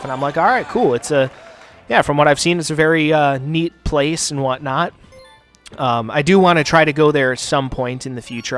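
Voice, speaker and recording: A young US gaming host rambles casually from his basement studio at home, swearing freely and filling his speech with filler words. His voice is mid-range with a fairly bright tone.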